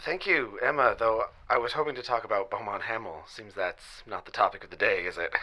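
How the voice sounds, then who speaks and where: An actor playing a reflective caller who speaks in a measured, solemn way. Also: male voice, fairly low pitch, pushed and bright. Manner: measured, reflective, rising to indignation. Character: thoughtful grown man calling in, solemn about war history. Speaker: radio caller.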